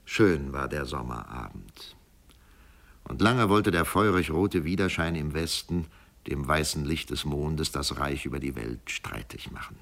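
Deep-voiced man reading a classic tale. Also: creaky, fairly bright tone. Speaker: audiobook narrator. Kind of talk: scripted narration of a classic novella.

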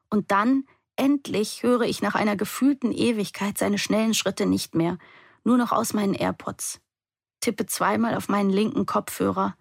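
A woman reading a first-person novel aloud in a quiet, intimate way. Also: medium pitch, vocal fry, no echo, studio quality. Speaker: audiobook narrator.

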